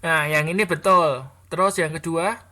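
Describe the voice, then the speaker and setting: Woman teacher running a class, bright voice, keeps correcting ppl and restarting. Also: low-pitched, steady tone, normal speed. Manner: chatty, correcting students often with restarts. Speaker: English teacher.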